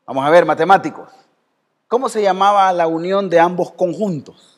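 Preaching in a church hall at normal speed, a man with a high voice and a Salvadoran Spanish accent talks conversationally to his congregation as their pastor, naming individual members as he goes.

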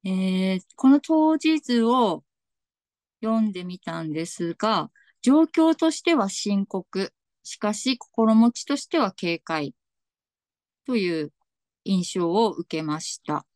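A woman astrologer with a slight Tsugaru accent, giving a slow, deliberate reading with soft fillers. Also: medium pitch, lively intonation, dry recording. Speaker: astrologer guest.

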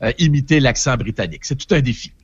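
A man's voice: mid-range voice, expressive, quick pace, husky, dull audio. A man with a Québécois French accent, giving an opinionated, rambling entertainment column in casual radio chat.

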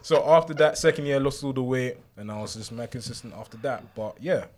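A man's voice: mid-range voice, fairly even intonation, fairly quick. A man in his twenties with a South London accent, chatting casually and telling stories in slangy, joking style on a group podcast. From South London, England. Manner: slangy, conversational, jokey storytelling.

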